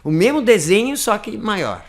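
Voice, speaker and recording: Man, language teacher, casual lesson, animated, gravelly. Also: high-pitched, moderate pace. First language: Portuguese. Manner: animated, chatty, laughs at himself, repeats phrases to demonstrate.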